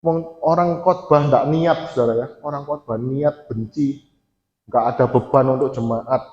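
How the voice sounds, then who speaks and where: East Javanese preacher in an echoing church. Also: male voice, mid-range voice, fairly even intonation, moderate pace, a little mellow. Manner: conversational, addresses the congregation often. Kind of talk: sermon. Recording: echoey church hall, dull sound.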